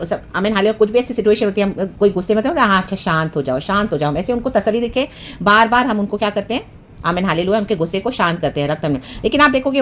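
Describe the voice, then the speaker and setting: A woman's voice: medium pitch, slight background noise. A woman preaching a devotional sermon, mixing English phrases and often repeating hallelujah and amen. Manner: fervent, peppered with hallelujah and amen.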